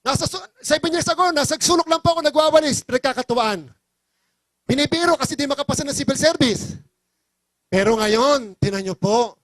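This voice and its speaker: A man's voice: very high-pitched, a little fast, a bit bright, dry recording. A middle-aged man from the Philippines giving an emotional, pleading testimony speech at a business forum and rousing the crowd.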